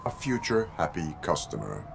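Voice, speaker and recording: An actor voicing a calm, cold male cyborg police officer in a video game. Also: a bass voice, normal speed, creaky, background noise, exaggerated voice. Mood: deadpan.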